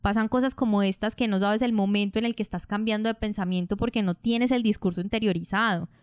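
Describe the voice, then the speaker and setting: A woman who hosts a podcast and coaches public speaking, explaining in a calm, measured way. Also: medium pitch, clean tone, no echo, clean studio sound. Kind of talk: instructional podcast narration.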